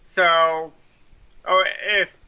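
Slurred, high-pitched man, like a drive-through speaker. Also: level tone, bright, forceful tone, clean tone. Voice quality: muffled, garbled drive-through speaker sound from a speech impediment. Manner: slurred, halting speech. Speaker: podcast guest. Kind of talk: personal testimony in a podcast interview.

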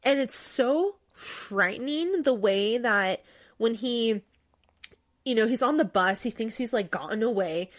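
A woman's voice: fairly high pitch, lively intonation, measured pace. A woman co-hosting a podcast, chatting casually and animatedly about a film, swearing and acting out quotes. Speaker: podcast co-host.

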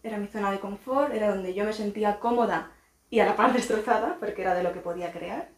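A woman's voice: mid-range voice, quick pace. Reflective woman in roomy echo. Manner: open and reflective, laughs easily. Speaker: guest, actress. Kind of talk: casual podcast chat.

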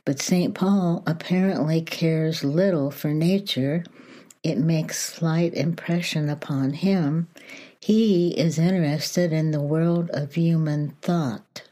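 Slow, low-voiced woman reading gently. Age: older. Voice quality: soft morning voice. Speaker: podcast host. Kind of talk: reading a devotional aloud.

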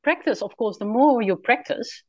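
A Dutch woman in her forties, an author and traveler, speaks candidly as a guest in a conversational interview and laughs easily. She has a Dutch accent and a fairly high voice at a moderate pace, and the recording is muffled but has no echo.

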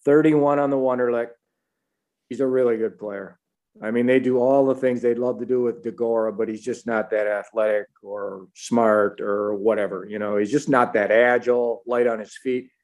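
Male sports analyst host, mid-pitched, matter-of-fact, clipped delivery of figures and ratings. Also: little pitch movement, moderate pace, darkish tone. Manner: clipped, matter-of-fact, short list-like phrases. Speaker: football analyst and show host.

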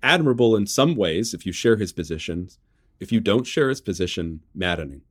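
A journalist and author appears as an interview guest, his low voice expressive as he talks through political analysis. He speaks conversationally in short, measured phrases and checks in with rhetorical questions.

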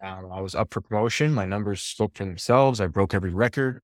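Low-pitched man as a podcast guest, sales coach, animated storyteller with casual swearing, dry close sound. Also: quick pace, dry recording.

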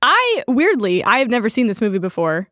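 High lively young woman co-host. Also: fairly quick, slight background noise. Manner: rambling, filler-heavy, laughs often. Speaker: podcast co-host. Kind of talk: casual chat.

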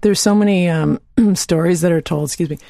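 Woman podcast host, lowish voice, dry close sound, laughs a lot. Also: a little fast, gravelly, mellow, no echo. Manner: friendly, laughs easily. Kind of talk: conversational interview.

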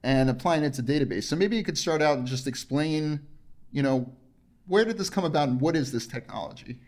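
A man's voice: a little high, expressive, a little fast, a little mellow. A man from the New York area hosting a podcast interview in a chatty, friendly way with lots of fillers. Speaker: podcast host. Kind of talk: conversational interview. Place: convention hall.

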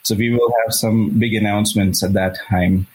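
A man speaking as a company executive, answering interview questions in a measured way with fillers. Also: on the low side, fairly even intonation, darkish tone, husky, poor audio.

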